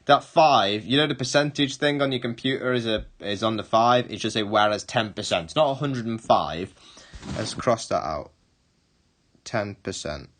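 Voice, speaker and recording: A man's voice: lowish voice, expressive, moderate pace, fairly bright tone. A male history teacher giving a recorded online lesson, explaining step by step, rephrasing and correcting himself as he goes.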